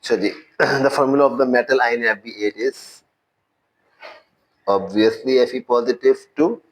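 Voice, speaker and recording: Slow, deliberate male chemistry teacher. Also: mid-range voice, rough recording. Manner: explains in a mix of Hindi and English, addressing students; slow and deliberate, reading steps aloud. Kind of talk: lab demonstration lesson.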